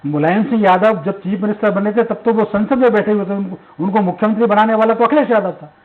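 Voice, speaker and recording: Male debate panelist, high voice, emphatic, tinny remote audio. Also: fast. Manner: emphatic, rhetorical questions. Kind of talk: televised debate argument. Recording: tinny phone-line audio.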